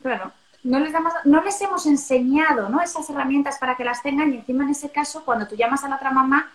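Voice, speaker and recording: A woman's voice: high-pitched, fast, roomy sound, low-quality recording. A woman talking casually and with animation about raising children, acting out parents' voices now and then. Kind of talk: casual conversation.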